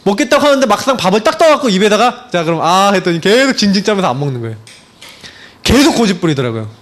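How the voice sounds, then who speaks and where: A man's voice: sits high, big pitch swings, racing. A man in his thirties, a pastor, preaching a conversational sermon full of rhetorical questions and acted-out anecdotes. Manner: acts out his own lines to his child.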